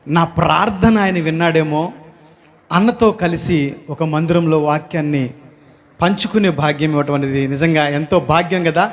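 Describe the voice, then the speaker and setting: A middle-aged man giving a lively testimony to a church congregation as guest preacher, often asking the listeners questions and calling out hallelujah. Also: on the high side. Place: church hall.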